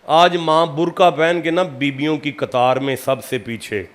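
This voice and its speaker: A man's voice: fairly high pitch, fairly even intonation. Man preaching a dramatic sermon. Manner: storytelling with dramatic swings from hushed to shouting. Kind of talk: sermon storytelling.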